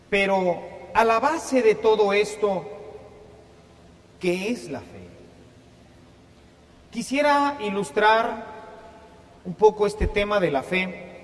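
A priest preaching a sermon in a church, telling a story and asking the congregation questions. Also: male voice, high voice, big-room sound.

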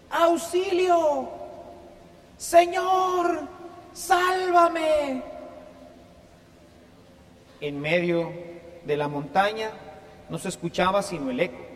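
A priest preaching a sermon in a church, telling a story and asking the congregation questions. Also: male voice, high voice, in a large hall.

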